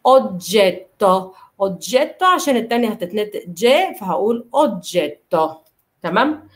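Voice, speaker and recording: A woman with an Egyptian Arabic accent teaching an Italian pronunciation lesson. She repeats each word slowly and keeps checking that her students follow. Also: mid-range voice, sing-song.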